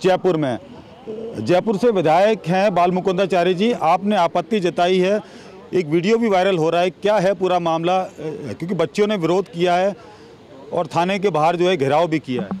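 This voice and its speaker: A man's voice: high voice, normal speed, a little mellow. A male reporter on location, asking pressing questions in a news interview.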